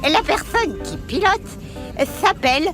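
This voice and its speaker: A woman's voice: high-pitched, big pitch swings, a little slow, music in the background. A woman voicing a cheerful, giggly female elf who tells stories to children, exclaiming often and hesitating with many fillers. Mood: excited. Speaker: children's storyteller. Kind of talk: children's story narration.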